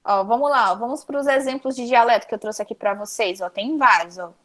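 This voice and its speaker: A woman's voice: on the high side, brisk. Upbeat Cearense woman teaching a class. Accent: Cearense Brazilian Portuguese. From Ceará, Brazil. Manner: chatty, upbeat, addresses students as "galera". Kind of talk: casual online class lesson.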